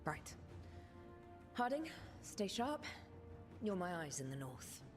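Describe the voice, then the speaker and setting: The Inquisitor, a seasoned woman leader, speaks earnestly in a fantasy game. Her voice is a little low, and it halts when she is moved. Game music runs underneath. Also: sing-song. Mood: brisk. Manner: earnest, halting when emotional.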